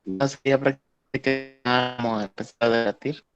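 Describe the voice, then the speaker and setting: A man's voice: mid-range voice, steady tone, normal speed, music in the background. A male student answering hesitantly in an online class, his voice breaking up over a bad call connection. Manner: hesitant, searching for words. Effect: choppy bad call connection. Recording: dull, choppy video-call audio.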